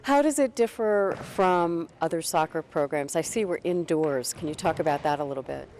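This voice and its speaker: A woman's voice: sits low, moderate pace, darkish tone, slight background noise. A woman hosting a community cable TV show who asks short, polite interview questions. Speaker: community TV host. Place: indoor futsal facility.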